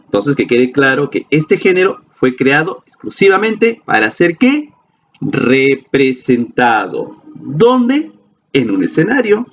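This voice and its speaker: A man's voice: mid-range voice, big pitch swings, slow pace, slight background noise. Male teacher from Peru, playful, quizzes the class and answers himself; slightly muffled recording. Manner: playful, asks questions and answers them himself. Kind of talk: classroom lecture video. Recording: slightly dull lo-fi sound with faint ambience.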